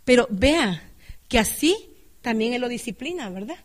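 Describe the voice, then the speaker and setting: A woman's voice: fairly high pitch, animated, moderate pace. A woman preaching a church sermon who keeps checking in with the congregation with "right?" and calls them brother and sister. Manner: addresses listeners as brother and sister. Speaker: lay preacher.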